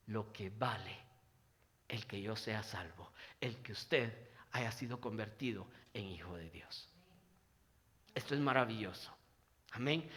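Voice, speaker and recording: A man's voice: medium pitch, a bit bright. A man preaching a sermon as pastor, calling out "my brother" and "amen" as he builds and drops his voice. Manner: preaching with repeated "mi hermano" and "amén", voice rising and falling widely.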